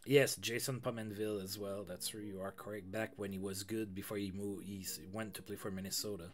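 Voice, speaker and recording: Faint music plays behind a man whose lowish voice stays steady in tone at a fairly quick clip. He's streaming a sports management game, reading out the in-game news with chatty asides in a relaxed let's-play style.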